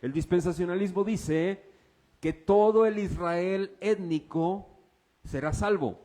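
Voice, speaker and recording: A man with a Mexican accent preaching a sermon as pastor. He asks the congregation rhetorical questions and swings between loud, raised passages and quiet, low ones. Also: slow.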